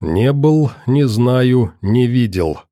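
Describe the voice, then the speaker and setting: A man's voice: mid-range voice, expressive, dark tone, no echo, studio quality, natural voice. A man voicing a coldly polite middle-aged interrogator in an audiobook, courteous and probing. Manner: pointedly courteous, probing, deliberate.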